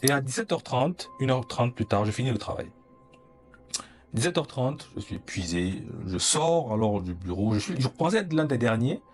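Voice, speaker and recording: In an interview, a young Cameroonian man tells a personal story with earnest feeling, voicing the characters' lines himself. He speaks at a moderate pace in a medium, sing-song voice, with faint music in the background.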